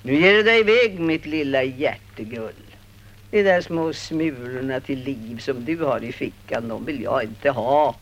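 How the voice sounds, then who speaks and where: Brief: actress voicing a contemptuous old river spirit, radio drama, mocking growls. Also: female voice, a bass voice, animated, full character voice. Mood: scornful. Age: older. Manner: scolding, mocking, swings from growl to shout. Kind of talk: radio play acting.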